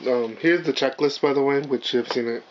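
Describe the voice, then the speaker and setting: In a casual unboxing vlog, a man with a medium-pitched voice, rough and raspy from partly losing it, opens trading card packs at a normal pace. He keeps saying sorry and dropping filler words while the camera stays on the cards on his indoor table. It's a dull home recording, lo-fi with a light hiss.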